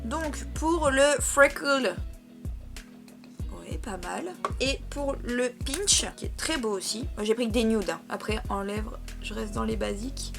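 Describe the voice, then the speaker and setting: A woman's voice: fairly high pitch, gravelly. A young woman chatting casually in a beauty vlog, self-mocking and talking while she tries on makeup. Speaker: beauty vlogger. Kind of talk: casual makeup tutorial chat.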